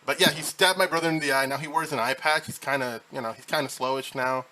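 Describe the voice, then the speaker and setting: A man's voice: medium pitch, fairly even intonation, quick pace, sharp tone. A man hosting a casual podcast chat, swearing, joking and rambling with many restarts. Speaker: host.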